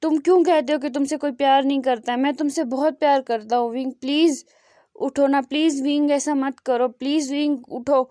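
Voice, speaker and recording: A woman's voice: high voice, fairly even intonation, normal speed, mellow, dry recording, studio quality, natural voice. A woman voicing a tender protective young swordsman. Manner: soothing, pleading. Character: devoted young male cultivator, tender and protective.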